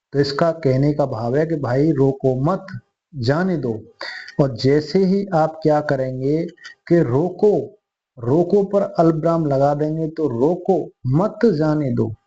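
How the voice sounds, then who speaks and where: Dark-voiced man teaching a quiz lesson. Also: a little high, muffled recording. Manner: addresses viewers as friends, repeats answers.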